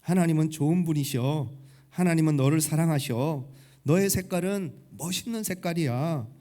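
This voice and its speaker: A man voicing a kind angel in a sermon story, speaking gently and encouragingly. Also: a little high, moderate pace, close to an everyday voice. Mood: reassuring.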